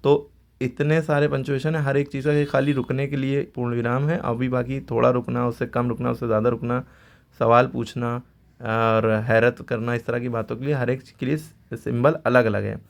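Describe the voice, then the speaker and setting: Man, gravelly voice, teacher, patient grammar lesson, repeats himself to check understanding. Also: medium pitch, flat delivery, normal speed. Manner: patient, repeats "ठीक है" often. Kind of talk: explaining grammar to students.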